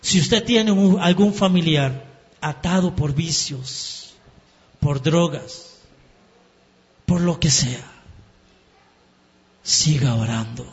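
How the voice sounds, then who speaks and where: Guy preaching a testimony, gets worked up and shouty, muffled echoey church sound. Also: a little high, slow pace, pauses often. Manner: emotional, rises to shouting at climaxes. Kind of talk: sermon testimony. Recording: dull sound in a reverberant hall.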